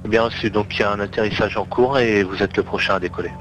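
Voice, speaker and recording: A man's voice: fairly low pitch, fairly even intonation, fast talker, fairly bright tone, highs cut off, faint music behind. A man working as a tower controller, speaking radio phraseology over a pilot headset. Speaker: tower air traffic controller.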